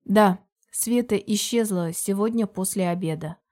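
A woman's voice: medium pitch, a little slow, warm tone, natural voice. A woman voicing a cold, controlling businessman husband who talks curtly and with steel in his voice. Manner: curt, steely.

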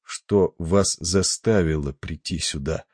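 Brief: man playing a level-headed chief engineer, deep, even and quiet delivery. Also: moderate pace, dry recording, studio quality. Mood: calm. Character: calm, steady male chief engineer officer.

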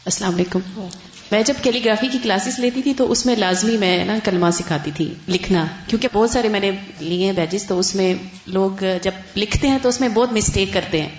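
A woman student who once taught calligraphy, earnestly recounting her teaching. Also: medium pitch. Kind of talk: sharing experience in class. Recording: echoey room, muffled sound.

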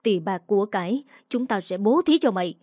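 A woman voicing a distraught middle-aged mother who pleads and shouts in a raised voice. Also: medium pitch, fairly quick, no room sound, clean studio sound, natural voice. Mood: furious.

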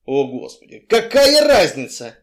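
A male reader playing a sly, gruff crime boss who mocks and blusters when pressed. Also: a little high, huge pitch swings, a little slow. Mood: mocking, blustering. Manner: mocking, blustering, evasive.

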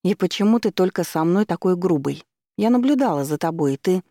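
A man voicing a spoiled, hysterical rich young woman who talks in a shrill, indignant way. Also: fairly quick, warm tone, a little hiss or hum.

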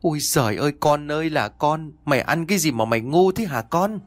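A man's voice: mid-range voice, expressive, moderate pace, husky, no room sound, clean studio sound, pitched above the performer's own voice. A man voicing a scolding older village mother in a storybook ghost tale, talking in a raised voice. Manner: scolding, wailing.

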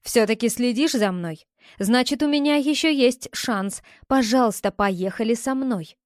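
A woman's voice: a little high, a little slow, no room sound, studio quality, close to an everyday voice. A woman voicing a young man, a tense ex-boyfriend who pleads and then turns curt and defensive, in an audiobook. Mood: pleading. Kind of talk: audiobook character reading.

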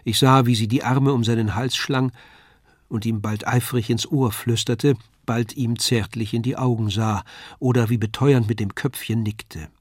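An older man reading a classic novella aloud in a measured, even storytelling manner. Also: mid-range voice, dry recording, studio quality. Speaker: audiobook narrator. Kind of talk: scripted literary reading.

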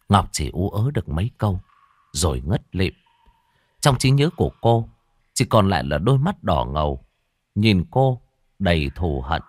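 A man narrating a horror story with a dramatic, expressive reading. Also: lowish voice, no room sound.

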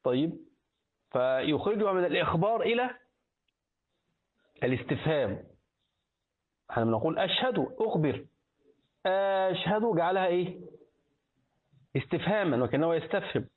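A middle-aged sheikh with an Egyptian accent teaches hadith and jurisprudence in a colloquial religious lesson, repeating words aloud and quizzing his listeners. His voice is fairly high with lively intonation, at normal speed with long pauses, and the recording sounds tinny, like a phone.

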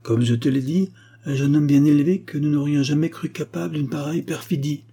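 A man's voice: on the high side, a little fast, mellow, slightly rough, pitched above the performer's own voice. A man voicing a remorseful, tender aristocratic mother in an audiobook reading, earnest and confiding.

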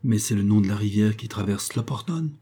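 A man reading aloud and voicing a weary, courteous imprisoned gentleman who questions gently. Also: lowish voice, brisk, vocal fry, slightly rough. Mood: kindly, curious.

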